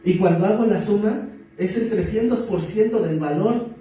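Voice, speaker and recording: A male pastor preaches in an easy, joking manner and keeps asking his listeners questions. His voice sits a little high but sounds very dark and mellow. He is heard from well back in a very echoey hall, with faint noise behind him. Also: normal speed, recorded from a distance. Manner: conversational, joking, asks the audience questions. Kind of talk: sermon.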